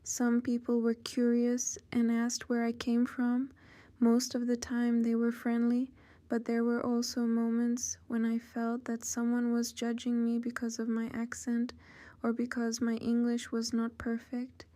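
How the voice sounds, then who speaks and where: A Ukrainian-accented woman in her fifties, answering interview questions about her life in measured, careful sentences. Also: fairly high pitch, completely flat delivery, mellow, clean tone, dry recording. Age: 50s. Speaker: interview guest. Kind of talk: oral history interview.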